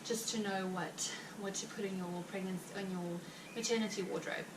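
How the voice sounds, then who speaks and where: A heavily pregnant vlogger with a South African Afrikaans accent chats casually to her viewers, rambling with frequent fillers and quick laughs. Her voice is medium-pitched, and she sits well back from the mic in a roomy space with a steady noise beneath her.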